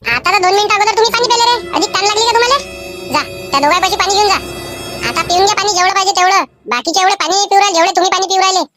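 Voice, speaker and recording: A woman's voice: very high-pitched, racing, music in the background. A woman voicing a strict female schoolteacher in a cartoon, scolding and lecturing pupils in a Vidarbha Marathi accent. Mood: stern scolding. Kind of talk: animated cartoon voice acting.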